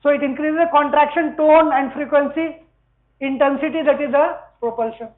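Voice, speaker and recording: A man's voice: extremely high pitch, steady tone, extremely slow. A man lecturing on physiology to students in a mix of Hindi and English with an Indian accent, explaining step by step and asking the class questions as he goes. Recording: tinny phone-like lecture recording.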